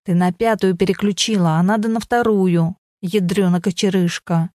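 A woman voicing a gruff man who shouts and swears while teaching someone to drive, in an audiobook. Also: mid-range voice, steady tone, normal speed, dry recording, clean studio sound, close to an everyday voice. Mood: exasperated shouting.

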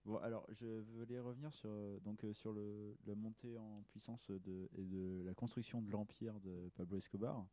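A man with a very dark, deep-toned voice chats casually as a podcast co-host, rambling with many fillers. The sound is dry and close to the desk mic. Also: level tone, normal speed, hardly any pauses, no room sound. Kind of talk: casual chat. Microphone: desk microphone.

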